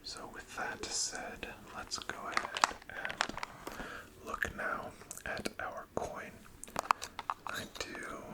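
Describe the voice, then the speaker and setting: A whispered role-play in a breathy, unvoiced whisper, as a gentle, attentive shop assistant encouraging a customer. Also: low-quality recording. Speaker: ASMR performer playing a card shop assistant.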